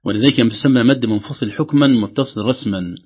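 A man teaching Quran recitation rules, drawing out each quoted verse slowly between quick explanations. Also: mid-range voice, breathy edge, muffled recording.

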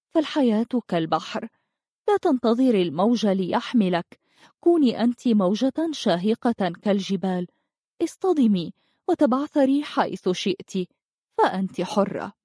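Told by a woman reading a storybook, a wise magical lady speaks slowly and with calm assurance. Her tone is mellow and warm, offering steady counsel. The recording is dry and close. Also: mid-range voice, dry recording.

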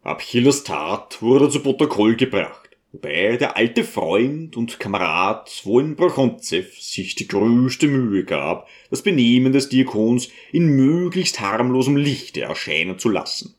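Ein Mann, der einen Roman als Hörbuch ausdrucksvoll vorliest. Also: male voice, medium pitch, a little slow, few pauses. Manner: expressive storytelling. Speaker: audiobook narrator. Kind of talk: reading a novel aloud.

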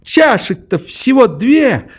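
A man doing a shrill, furious little girl. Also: expressive, takes it slowly, dark tone. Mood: spiteful. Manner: shrill, defiant, sobbing outbursts. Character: fierce, tearful little orphan girl.

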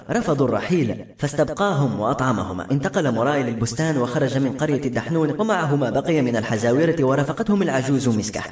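Fast, expressive male audiobook narrator. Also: medium pitch, far from the mic. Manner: expressive storytelling reading. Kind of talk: scripted narration of a novel. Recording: roomy echo.

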